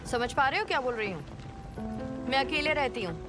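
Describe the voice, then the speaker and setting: A woman's voice: high-pitched, lively intonation, a little fast, over music. A middle-aged woman dubbing a blunt, no-nonsense character in a film. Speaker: single woman taking in a child. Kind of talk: Hindi film dub. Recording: film score behind.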